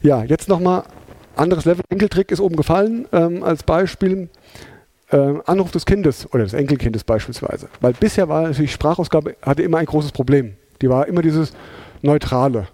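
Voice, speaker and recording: Mellow-voiced man giving a chatty talk. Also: on the high side, normal speed, no room sound. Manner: chatty, many fillers and tag questions. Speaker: presenter. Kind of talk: conversational lecture.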